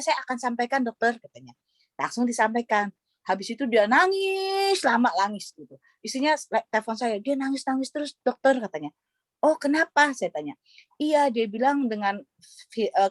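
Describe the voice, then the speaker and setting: A woman's voice: a little high, dry recording. Earnest woman doctor retelling a patient's story over a dry video-call line. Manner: earnest, retells dialogue, frequent fillers. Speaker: doctor and panelist. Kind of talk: testimony on an online panel.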